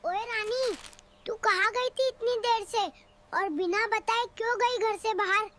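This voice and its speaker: Woman playing a high-voiced bossy cartoon husband, scolding. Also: a little slow, fairly bright tone, a little hiss or hum. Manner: scolding, commanding. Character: bossy young husband who defends his mother.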